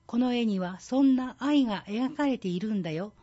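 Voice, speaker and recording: A woman's voice: a little high, animated, normal speed, mellow, muffled recording. A woman voicing a polite, loving elderly grandfather with tender, earnest phrasing. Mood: tender, teaching.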